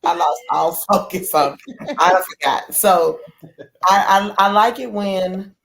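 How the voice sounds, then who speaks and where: A woman in a casual chat as a guest, outspoken and animated, often restarting her sentences. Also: medium pitch, measured pace, creaky, slight background noise.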